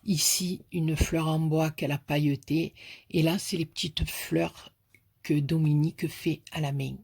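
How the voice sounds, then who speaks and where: A woman's voice: deep voice, fairly even intonation, a little slow, gravelly, a little mellow, breathy edge. A woman with a southern French accent, chatting casually and affectionately to viewers as she opens mail from her crafting followers. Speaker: craft YouTuber opening mail.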